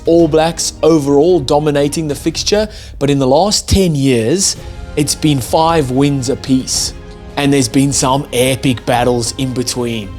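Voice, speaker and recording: A man's voice: mid-range voice, a little mellow. A young man from South Africa with a South African accent carrying an Australian twang, hosting an enthusiastic, chatty rugby video and hyping up a match to his viewers. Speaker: rugby YouTube host. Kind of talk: casual hyped-up commentary to camera.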